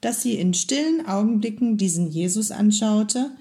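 A woman reading a children's story aloud in a calm, unhurried way. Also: mid-range voice. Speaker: kindergarten head reading a story.

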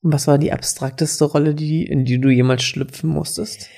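Gravelly, dark-voiced male podcast host. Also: on the high side, steady tone, normal speed. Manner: hesitant, searching questions. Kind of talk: casual interview questions.

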